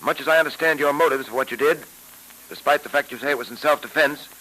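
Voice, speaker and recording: An actor in old radio drama style playing a principled, stoic police detective with a crisp, authoritative manner. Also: male voice, on the high side, fast, sharp tone, poor audio. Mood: matter-of-fact. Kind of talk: 1940s radio drama acting. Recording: vintage radio recording.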